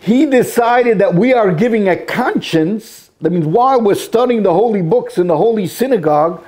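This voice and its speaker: A man giving an impassioned sermon-like monologue in a synagogue, repeating himself with dramatic pauses. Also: sits high, expressive, darkish tone. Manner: emotional, repetitive, with dramatic pauses.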